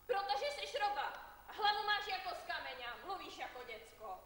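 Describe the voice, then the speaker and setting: A woman performs a blunt village aunt who needles her niece and talks loudly for the stage. Her voice sits high. It is heard from a distance, ringing through a big echoey hall over a faint hiss. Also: lively intonation, natural voice. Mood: indignant. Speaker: stage actor. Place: theatre stage.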